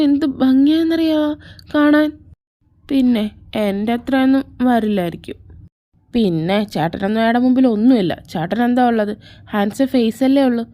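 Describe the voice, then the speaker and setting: A woman's voice: fairly high pitch, dark tone, dry recording, lightly acted. A woman voicing a cheeky younger brother who gushes and dodges questions, in a fan fiction audio story. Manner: cheeky, gushing, evasive.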